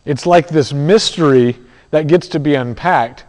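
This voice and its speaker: A man preaching a conversational sermon, halting with restarts and fillers as he teaches. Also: on the high side, darkish tone. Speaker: pastor. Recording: long hall reverb.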